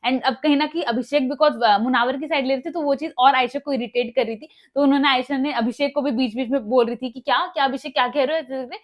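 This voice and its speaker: A woman's voice: high-pitched, quick pace, hardly any pauses. A woman casually retelling a reality show episode, mixing in English words and acting out quoted dialogue with many fillers. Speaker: show recap vlogger. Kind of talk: casual spoken recap.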